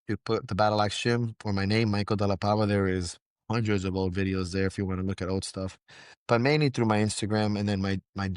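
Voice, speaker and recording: A man's voice: on the low side, no room sound, clean studio sound. Blunt, profane male gym coach. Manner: blunt, profane, laughs often. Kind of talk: casual podcast interview.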